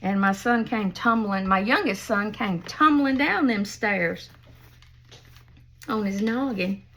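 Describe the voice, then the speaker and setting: A woman's voice: mid-range voice, slow, fairly bright tone. An older woman, chatting folksily as she tells family stories and shows a craft project at home. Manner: folksy, chatty, laughs at her own stories. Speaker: craft vlogger. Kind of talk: casual storytelling and craft demo.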